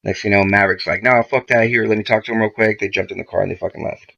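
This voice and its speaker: Man, podcast guest; rough, gravelly low voice; profane, animated storyteller who quotes everyone; dull lo-fi recording. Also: racing. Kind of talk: casual storytelling.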